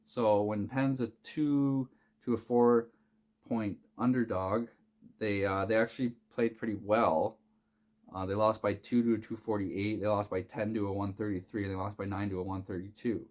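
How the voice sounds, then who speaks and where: Casual male sports bettor, lowish voice, loose and profane, filler-heavy delivery. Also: steady tone, moderate pace, darkish tone, dull audio. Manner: rambling, profane, many fillers and restarts. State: hiccuping. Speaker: sports betting picks host. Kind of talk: casual unscripted sports betting talk.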